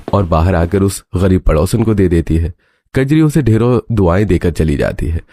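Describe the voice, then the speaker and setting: Man, story narrator, very deep voice, faint hiss behind. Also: dark tone. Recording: faint background noise.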